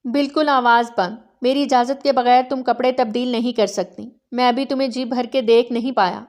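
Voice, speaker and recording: Woman reading a proud young male chieftain: calm, measured, controlling. Storybook reading, slightly high voice. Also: close to an everyday voice. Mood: possessive.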